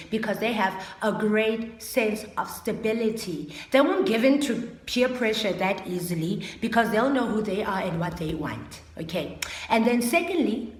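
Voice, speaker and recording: A woman teacher, speaking to parents in an animated way and acting out children's voices. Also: medium pitch, reverberant. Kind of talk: talk to parents about holistic teaching.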